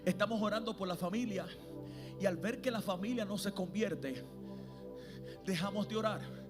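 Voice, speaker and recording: Man, evangelist, live church sermon, fervent, hushed to shouting, faint music behind. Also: high voice, moderate pace. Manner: fervent, swings between hushed and shouted preaching.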